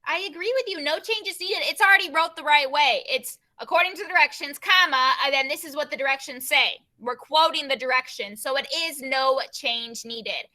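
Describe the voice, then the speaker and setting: High bright woman, teacher, brisk, repeats herself, video call. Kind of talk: online class teaching.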